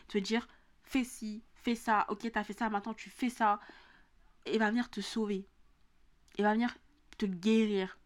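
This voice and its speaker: A young woman with a southern French accent, talking straight to her podcast listeners. Her speech is casual and full of slang, and she repeats phrases over and over to drive her point home. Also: fairly high pitch. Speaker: podcast host. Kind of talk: motivational podcast monologue.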